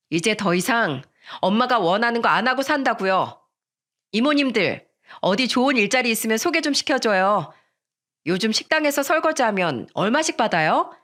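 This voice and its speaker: A woman voicing a determined young woman in a radio story, speaking firmly and calmly as she defies her mother. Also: a little high. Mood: defiant. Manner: firm, calm, deliberate.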